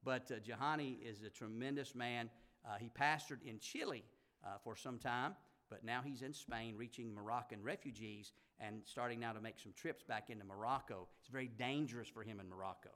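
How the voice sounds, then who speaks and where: A man's voice: medium pitch, moderate pace, fairly bright tone. Folksy man introducing a guest preacher. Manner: folksy, self-deprecating. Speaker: pastor introducing a guest speaker. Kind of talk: church introduction.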